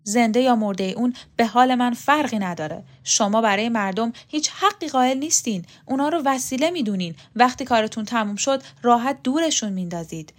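A woman's voice: on the high side, expressive. Woman reading as a bitter old lady, scornful, biting, proud, storybook voice. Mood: accusing. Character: sharp-tongued elderly woman, bitter and proud.

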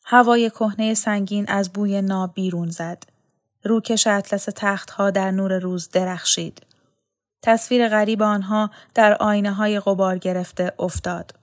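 Brief: female audiobook narrator, calm and measured, mid-pitched.

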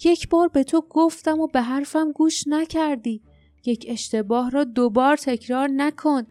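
A woman's voice: sits high, fairly even intonation, mellow, no room sound, clean studio sound, pitched above the performer's own voice, close to an everyday voice. A woman voicing Jarred, a young loyal male warrior who speaks earnestly and presses for action in an audiobook. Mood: urgent.

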